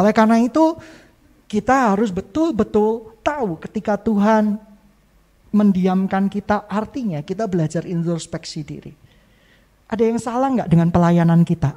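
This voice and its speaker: Emphatic man preaching a sermon. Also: high-pitched. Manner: emphatic preaching with sharp swings in loudness; mixes English phrases into Indonesian. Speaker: pastor.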